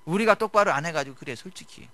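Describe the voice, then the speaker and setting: Bright-voiced Korean pastor preaching. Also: male voice, fairly high pitch, lively intonation, quick pace, no room sound. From South Korea. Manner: conversational preaching with swings from loud to hushed. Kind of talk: sermon.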